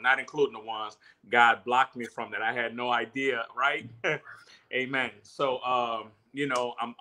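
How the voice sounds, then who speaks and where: A man's voice: medium pitch, sharp tone. A young man from Honduras raised in New Orleans, a guest speaker giving a laid-back, faith-filled account of his life. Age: young adult. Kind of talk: casual interview.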